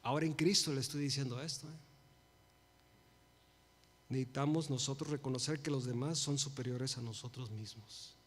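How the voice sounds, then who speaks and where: A man in his forties preaching a sermon, swinging from loud emphasis to hushed pleas and dropping English phrases into his Spanish. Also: mid-range voice, steady tone, normal speed, pauses often, breathy edge, big-room sound. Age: 40s. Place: church sanctuary.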